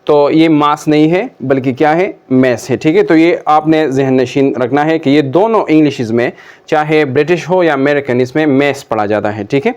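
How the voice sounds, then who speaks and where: A man leads a pronunciation lesson in a slightly high voice. He speaks slowly and deliberately, sounding out each word to model it. He keeps checking in with his listeners as he goes. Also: a little mellow, smooth, lo-fi sound. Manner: slow, deliberate word-by-word modeling with frequent "okay" check-ins. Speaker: English teacher. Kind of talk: classroom lesson explaining pronunciation.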